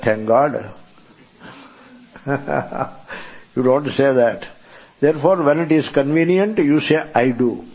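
Husky man lecturing. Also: mid-range voice, a little mellow, muffled recording. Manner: enthusiastic, repetitive, chuckling teacher. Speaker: Vedanta teacher. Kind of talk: scripture lecture to a class.

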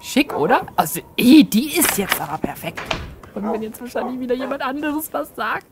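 A woman's voice: high voice, very animated, moderate pace, very noisy. A woman giving chatty, self-mocking commentary while playing a game and talking to her viewers. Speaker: let's player. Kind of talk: casual gameplay commentary.

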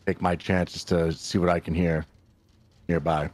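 A man's voice: sits low, level tone, a little slow, darkish tone. A man playing a tabletop game, talking casually and swearing freely. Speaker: player.

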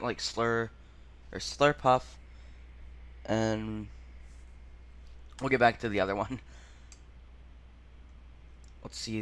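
Low, smooth-voiced man thinking aloud. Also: fairly bright tone. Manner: muttering, halting, sounds words out. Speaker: gaming channel host. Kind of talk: thinking-aloud quiz commentary.

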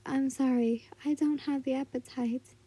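Timid, weakened young warrior woman for a story read by a female narrator, high, very soft-toned, apologetic. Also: fairly even intonation, measured pace, husky, poor audio. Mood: weak, apologetic. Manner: meek, apologetic.

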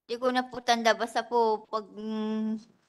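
A woman testifying as a witness at a hearing, answering softly and politely in short replies. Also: fairly high pitch, flat delivery, a little slow, clear, resonant tone. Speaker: witness, domestic worker. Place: legislative hearing room.

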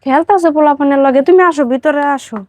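A woman's voice: sits high, fast talker, a little mellow, no room sound, lightly acted. A woman playing an evasive village mother. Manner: evasive, defensive. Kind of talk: amateur short film drama.

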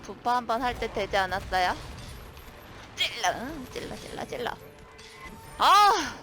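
A woman streamer commenting on her own gameplay, excitable, shouting commands and cursing at monsters. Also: a little high, moderate pace, faint music behind. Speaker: gaming streamer.

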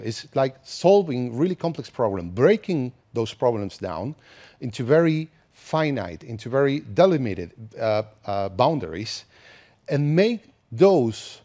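Here a man in his thirties from Argentina addresses a conference hall indoors at a measured pace, his voice mid-range and his accent Argentine Spanish. The talk is easygoing and conversational, full of restarts.

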